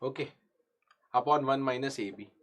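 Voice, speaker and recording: At a normal speed and in a mid-range, fairly bright voice, a North Indian-accented man runs a live online class as an engineering exam lecturer. His step-by-step explanations involve repeated key phrases, questions aimed at students, and Hindi slipped into the English.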